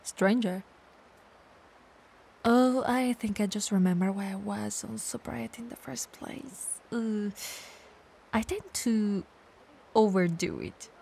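In an ASMR roleplay, a woman voices a vampire who is teasing and dominant yet caring, coaxing the listener with playful condescension. Her medium-pitched voice is breathy and gravelly, often sinking to a whisper, exaggerated and dark in tone. She takes her time with long pauses, sounding musing.

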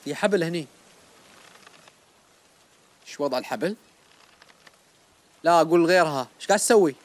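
A man giving excited let's-play commentary, shouting his reactions. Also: fairly high pitch, moderate pace, no room sound. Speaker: gaming youtuber.

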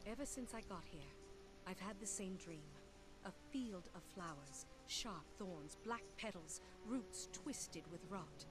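An actress playing a solemn, regretful female warrior in a queen's service, speaking in a measured, deliberate way for a video game. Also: medium pitch, natural voice, rough recording. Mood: haunted, uneasy. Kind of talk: video game character acting, solemn narration. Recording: studio voice under game music.

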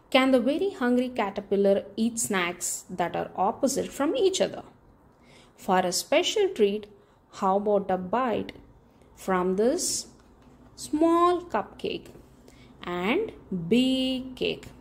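Her pitch fairly high, a woman channel host reads a picture book aloud to young children with expressive, deliberate delivery, leaning on key words and putting questions to her listeners.

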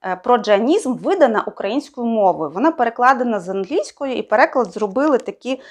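A young woman with a fairly high voice gives a casual spoken review of a book. She thinks aloud as she goes and often stops on fillers and corrects herself. Her tone stays plain and conversational. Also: lively intonation, brisk.

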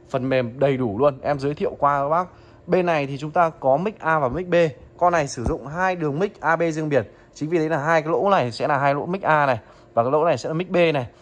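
Chatty man selling gear. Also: on the high side. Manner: chatty, addresses viewers as "các bác", frequent "được chưa?". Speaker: audio equipment seller. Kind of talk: product demo sales pitch.

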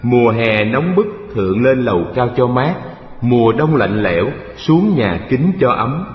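A man's voice: medium pitch, sing-song, a little slow. A man storyteller voicing a busy, worldly rich Brahmin in his eighties, in a fireside storytelling manner. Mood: matter-of-fact. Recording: echoey hall reverb, dull sound, music behind.

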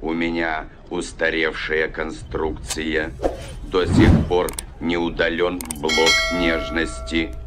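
An actor playing a gentle, patient old robot nanny in film dialogue, speaking slowly and evenly. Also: male voice, rumbling low, very noisy. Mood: gentle, weary. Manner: slow, even, mechanical delivery. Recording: loud mechanical clicking behind.

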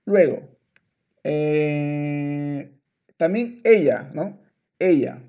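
A man tutoring a student through a one-on-one Spanish lesson, speaking very slowly. He is patient, repeats each word, and often slips into English to explain. His fairly high voice comes through a dull, lo-fi recording. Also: dark tone, smooth. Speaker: Spanish teacher.

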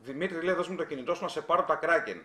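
A man's voice: on the high side, pushed and bright, roomy sound. A man hosting a casual live stream, teasing viewers and reading their chat aloud during a giveaway.

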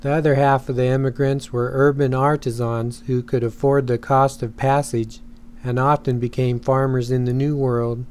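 A man giving a measured, evenly paced scripted narration for a history course. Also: mid-range voice, slight background noise. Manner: measured, even reading.

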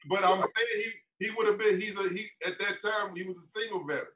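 A man's voice: high-pitched, steady tone, fast talker, background noise. A man co-hosting a sports talk show, chiming in and joking along with the guest. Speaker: show co-host. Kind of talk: casual chat.

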